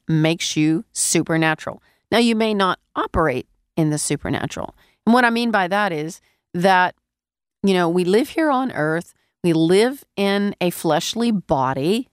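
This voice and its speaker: A woman giving a radio sermon as host, with a gravelly, nasal voice congested from a cold, speaking earnestly and repeating key phrases for emphasis. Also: fairly low pitch, dry recording, studio quality. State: congested, getting over a cold. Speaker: radio preacher and show host.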